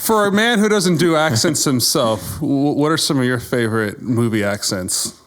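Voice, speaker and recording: A man's voice: medium pitch, lively intonation, normal speed, a bit bright. Enthusiastic male podcast co-host who steers the conversation with questions, mid-range voice. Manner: enthusiastic, drives the talk with questions. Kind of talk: casual film podcast chat.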